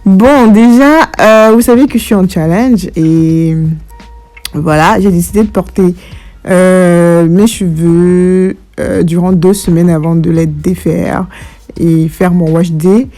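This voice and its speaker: A woman's voice: on the low side, fairly even intonation, slow, warm tone. A woman narrating a casual hair care tutorial, speaking informally and directly to her viewers. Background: faint background music.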